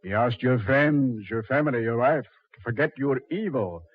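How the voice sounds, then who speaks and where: On a muffled old recording, a male actor with a medium-pitched voice plays the Devil, the suave, mocking, coldly taunting master of hell, lightly acted in mock-polite, measured 1940s radio horror fashion. His tone is accusing.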